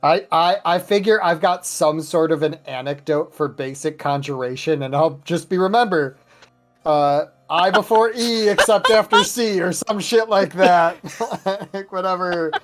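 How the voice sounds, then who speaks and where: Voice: medium pitch, a little slow. A player in a tabletop game, chatting casually and joking around. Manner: joking, laid-back.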